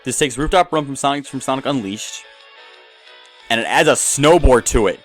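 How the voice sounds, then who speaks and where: Game music plays behind a man hosting casual gameplay commentary in a medium-pitched voice with lively intonation and normal speed. He wanders through tangents and asides in a loose, rambling way.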